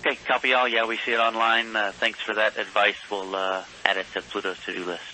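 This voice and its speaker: Sharp, bright male mission controller on radio. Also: lowish voice, little pitch movement, fairly quick, poor audio. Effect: space radio transmission. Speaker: mission control communicator in Houston. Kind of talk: procedural radio communication, informal and conversational. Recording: hissy space-to-ground radio link.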